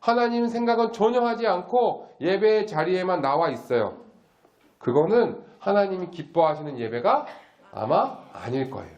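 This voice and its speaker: A man preaching a gentle, simple sermon as pastor, telling a Bible story slowly and asking the listeners questions. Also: sits high, very animated, lo-fi sound. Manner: acts out dialogue voices for God and Cain. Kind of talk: simple sermon for a special-needs congregation.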